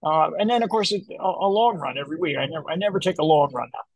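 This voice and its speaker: A man's voice: on the high side, lively intonation, quick pace, no echo. An older man, a running coach, talking casually in an interview, rambling and repeating the starts of his phrases.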